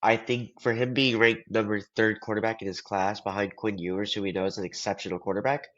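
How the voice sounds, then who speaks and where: A young man with a blocked, stuffy nose gives his sports rankings in an earnest, casual way, sometimes stopping to hunt for the right word. His voice sits fairly low. The audio is dull and lo-fi. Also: flat delivery, a little fast, a bit bright. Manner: earnest, searching for words. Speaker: podcast co-host.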